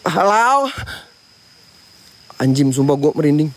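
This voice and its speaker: A man's voice: a little high, big pitch swings, takes it slowly. A man hosting a night ghost-hunting vlog outdoors near a sacred tree, jumpy and frightened as he talks to his viewers. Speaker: paranormal explorer and host.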